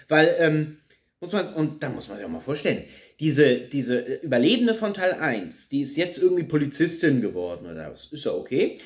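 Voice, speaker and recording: A man in his thirties giving a critical, ranting film review with many fillers and repeated words, seated on a sofa in a small plain room. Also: a little high. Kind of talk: casual spoken film review.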